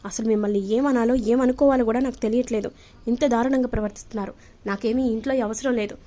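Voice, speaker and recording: A woman's voice: on the high side, fairly even intonation, fast, dark tone, lightly acted. A woman voicing an angry young husband who scolds his wife, in a telling of a TV serial. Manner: scolding, indignant.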